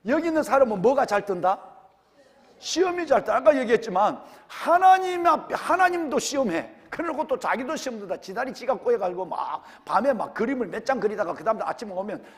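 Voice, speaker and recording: A man's voice: very high voice, sing-song, brisk, big-room sound. A male senior pastor with a Gyeongsang accent, preaching a sermon and firing rhetorical questions at his congregation. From Gyeongsang region, Korea. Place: church sanctuary.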